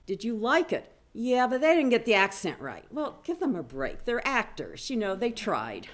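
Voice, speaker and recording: A woman with a low voice presents at an academic conference, walking through her slides. She is a business professor and talks in a chatty way, dropping self-deprecating asides as she goes. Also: a little hiss or hum. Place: conference room.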